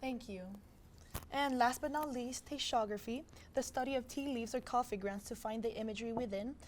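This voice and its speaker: A woman's voice: fairly high pitch, moderate pace, slight background noise, close to an everyday voice. A young woman playing a mystical madame fortune teller, explaining her craft as a guest on a comedy talk show. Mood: mystical, instructive. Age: young adult. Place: TV studio set.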